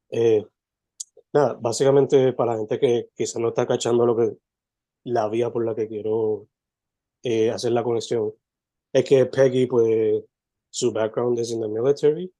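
Guy hosting a podcast, mellow dark voice, super chill, dry close mic. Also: mid-range voice, no room sound. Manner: relaxed, loose, code-switching between languages. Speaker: podcast host. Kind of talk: casual interview, mixing Spanish and English.

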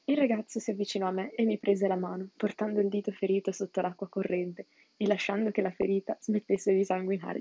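Young woman mocking a story as she reads it, mellow and husky, dull lo-fi. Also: medium pitch, no echo. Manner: sarcastic, mocking, laughs at the text. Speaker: story reader and commentator. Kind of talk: reading a story aloud with sarcastic commentary.

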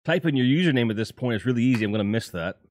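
A man's voice: medium pitch, animated, racing, darkish tone, no echo, studio quality. A middle-aged man hosting his own livestream in a casual chat. He talks to viewers in a profane, rambling way and corrects himself often. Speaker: livestream host.

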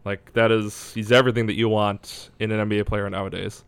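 A man's voice: lowish voice, little pitch movement, brisk, vocal fry, clear, resonant tone, dry recording. A man talking casually as a basketball draft analyst, hedging and thinking aloud as he goes. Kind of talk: casual sports discussion.

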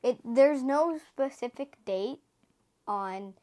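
A ten-year-old girl chatting as podcast co-host, her voice sitting fairly high. She talks in a giggly, chatty way with apologetic interruptions. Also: takes it slowly, darkish tone. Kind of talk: casual podcast chat.

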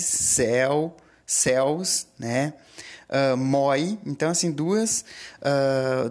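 A teacher with a Brazilian Portuguese accent gives a recorded grammar lesson, explaining patiently and often checking in with the students. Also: medium pitch.

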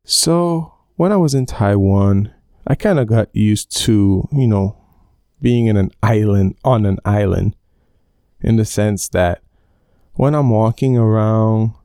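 A man's voice: lowish voice, slow, mellow, smooth, dry recording, clean studio sound. A man in his twenties recording his podcast from under a blanket in his bedroom, chatting in a rambling, casual way and sweating from the heat. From Belize. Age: 20s. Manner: rambling, chatty, self-aware about going off topic. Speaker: podcast host. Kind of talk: casual solo podcast chat. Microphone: home podcast mic under a blanket.

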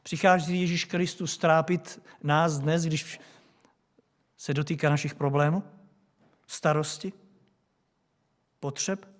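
A man's voice: fairly high pitch, steady tone, long pauses. A male preacher delivering a sermon, questioning his congregation with rhetorical questions.

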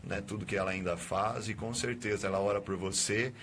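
Bright-voiced male radio pastor. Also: on the low side, steady tone, fairly quick, a little hiss or hum. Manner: affirming, exhorting, often adds "né?". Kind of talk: religious radio call-in talk.

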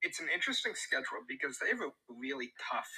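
A man giving casual sports analysis as a podcast guest, halting and repeating words as he thinks. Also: medium pitch, sing-song, sharp tone, low-quality recording.

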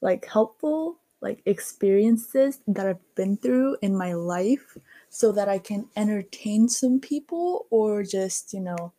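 A woman's voice: mid-range voice, animated, takes it slowly, dark tone. A teenage girl from Korea hosting her own podcast, talking casually with many fillers and small laughs. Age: teens. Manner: chatty, lots of fillers like "um" and "like". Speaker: podcast host. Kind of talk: casual solo podcast monologue.

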